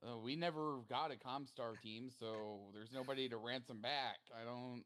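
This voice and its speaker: A man's voice: medium pitch, fairly even intonation, normal speed, a bit bright, clear, resonant tone. Joking man playing a tabletop game. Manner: joking, mock-evasive. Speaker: player. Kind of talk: casual game chat.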